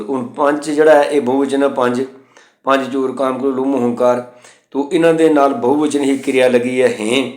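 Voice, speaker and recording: A man with a medium-pitched voice teaches the correct pronunciation of scripture, slowly reciting verses and then explaining the grammar point by point. The recording sounds roomy.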